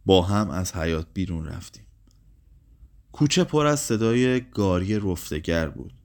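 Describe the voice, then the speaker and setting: A man narrating a literary short story in a calm, measured, subdued way. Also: sits low.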